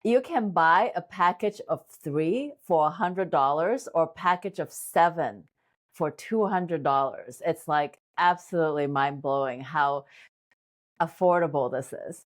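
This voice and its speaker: Woman guest, lower-pitched voice, upbeat and encouraging. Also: measured pace. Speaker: guest, acupuncturist. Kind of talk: interview talk.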